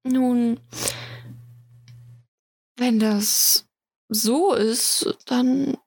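A woman voicing a cool, composed young princess in a whispered role-play, with a dry and measured delivery. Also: a little high, fairly even intonation, vocal fry, darkish tone, slightly rough, exaggerated voice.

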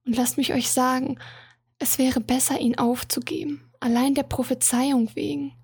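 An earnest young handmaiden and trained killer, read by a woman in a storybook, pleading with her princess in a high, breathy voice. The sound is dry and close. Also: flat delivery, moderate pace, darkish tone, dry recording, full character voice. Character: young loyal female confidante, trained assassin, earnest.

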